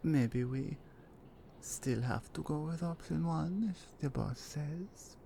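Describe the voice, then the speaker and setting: With vocal fry in a voice that sits low, a voice actress performs an exaggerated female Russian mafia enforcer in ASMR roleplay. She speaks slowly with a Russian accent and teasing menace, dropping into soft whispered asides, against slight background noise.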